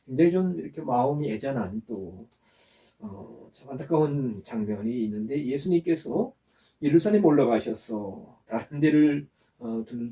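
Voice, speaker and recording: A male pastor giving a sermon, explaining words slowly and asking the listeners to repeat after him. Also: mid-range voice, mellow, distant mic. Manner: teaching, with pauses to explain terms and have the congregation repeat words.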